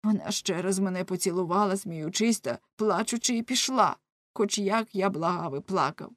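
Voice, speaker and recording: A woman narrates an audiobook in an expressive storytelling manner. Her voice sits at a middle pitch. The recording is dry and close to the mic. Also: moderate pace, dry recording.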